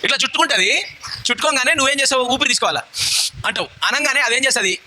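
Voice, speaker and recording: A man's voice: very high-pitched, animated, racing, sharp tone. A male bishop, preaching a sermon with a live demonstration, throwing questions at the congregation and coaxing helpers step by step. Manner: fires rhetorical questions at the congregation.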